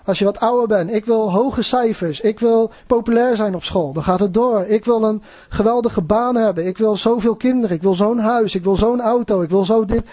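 A man's voice: sits high, normal speed, warm tone, dry recording. A man preaching a sermon in an earnest, conversational way, often putting questions to his listeners.

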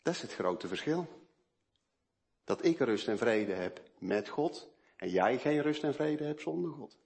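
A man preaching a sermon with personal testimony, swinging between hushed storytelling and emphatic outbursts. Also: mid-range voice, animated, a little slow, gravelly.

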